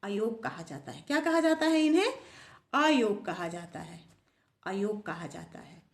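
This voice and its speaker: A woman teaching a grammar lesson to pupils, asking questions and answering them herself in a steady classroom rhythm. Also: mid-range voice, unhurried. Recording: echoey room.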